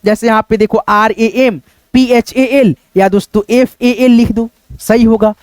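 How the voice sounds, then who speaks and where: A man with a very high, smooth and clear voice teaches a casual video lesson. He works through examples step by step and keeps turning to his viewers with questions and little prompts. The recording is close and dry, with no room sound. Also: steady tone, unhurried, darkish tone, no echo. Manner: repeats "dosto" and "dekho", asks the viewers questions.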